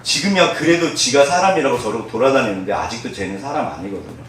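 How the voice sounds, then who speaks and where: A man preaching a sermon as pastor, telling a story with big swings between loud and hushed speech. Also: mid-range voice, lively intonation, fast talker, slight background noise. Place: church sanctuary. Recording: very echoey hall, voice from far off.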